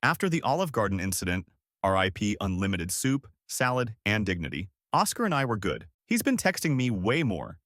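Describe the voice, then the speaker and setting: A man's voice: lowish voice, very animated, brisk, fairly bright tone, no room sound, clean studio sound. A middle-aged man narrating a scripted story in a sardonic, wry way.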